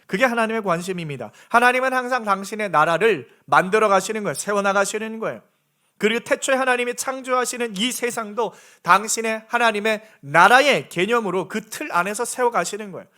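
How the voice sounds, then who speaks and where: Preaching briskly to his congregation in the church sanctuary, the pastor uses a high, pushed, bright voice. He's earnest and returns again and again to rhetorical questions.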